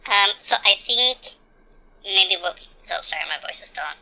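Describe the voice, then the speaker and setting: Bright-voiced woman game master. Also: medium pitch, lively intonation, moderate pace, poor audio. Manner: casual, self-correcting. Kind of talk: narrating a tabletop game.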